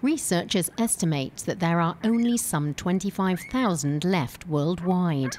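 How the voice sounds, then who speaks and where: A woman's voice: fairly low pitch, measured pace, a little mellow, a little hiss or hum. A woman reading scripted nature documentary narration as a voice-over. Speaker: report narrator. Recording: voice-over with music bed. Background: music.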